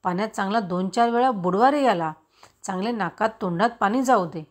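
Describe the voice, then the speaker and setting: Stern village mother, scolding and forceful, storybook reading, voiced by a woman, mid-pitched. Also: normal speed, lightly acted. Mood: angry scolding.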